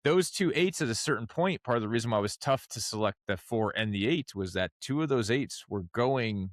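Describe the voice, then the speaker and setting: A man's voice: medium pitch, lively intonation, no echo. Podcast guest guy, mid voice, stops and restarts a lot, dry sound. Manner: halting, many restarts, warms up and gets emphatic. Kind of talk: casual chat.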